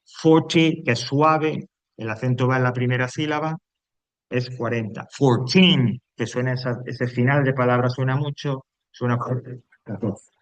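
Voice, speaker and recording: A man gives a recorded lesson, walking his students through each point one step at a time. He sits at a medium pitch and often stops to check that they are following. The sound is dry and close, with no room echo. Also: fairly even intonation, moderate pace. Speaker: English teacher.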